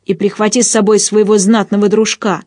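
A brutish young man who rages at his family, put on by a woman narrating an audiobook. He barks his words loudly and with contempt, close and dry. His pitch sits in a middle range. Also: flat delivery, brisk, no room sound, close to an everyday voice. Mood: raging. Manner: harsh, shouting, contemptuous. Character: brutish bullying young man, quick to rage. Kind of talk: audiobook character voice.

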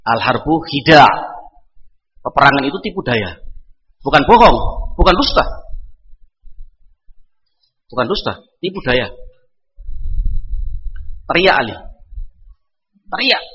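A man's voice: fairly high pitch, takes it slowly, pauses often. A man, preaching a sermon and telling a story animatedly, acting out the voices of the people in it. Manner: animated, acts out dialogue, mixes in Javanese phrases. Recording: long hall reverb.

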